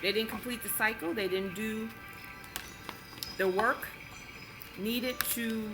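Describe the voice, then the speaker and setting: A woman's voice: a little high, fairly even intonation, takes it slowly, poor audio. Chatty woman reading tarot cards over music. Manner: chatty, explains card meanings step by step. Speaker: tarot reader. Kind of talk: casual spiritual card reading. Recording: music playing under the voice. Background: background music.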